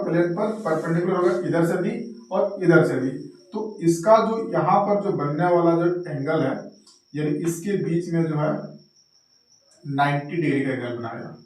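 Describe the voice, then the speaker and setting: A male teacher lectures from a blackboard in a classroom with a strong echo. He is heard from a distance through the camera mic, his voice a little high. He talks step by step and keeps filling pauses with the same stock phrases. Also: a little mellow. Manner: repetitive, fills pauses with "ठीक है" and "जो है"; explains step by step while drawing on the board. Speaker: chemistry teacher. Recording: very echoey classroom, voice from far off.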